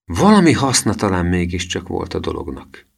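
A man's voice: deep voice, big pitch swings, gravelly, slightly rough, exaggerated voice. A man voicing a thoughtful middle-aged aunt in an audiobook reading. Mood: pondering.

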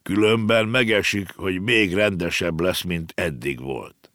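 A man voicing a polite, dry-witted talking horse that grumbles slowly, in an audiobook reading. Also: low voice, fairly bright tone, no echo. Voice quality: slow, grumbling.

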